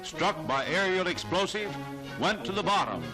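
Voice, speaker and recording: Lively man in old newsreel narration. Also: sits high, moderate pace, music in the background, rough recording. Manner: stirring, declamatory announcing.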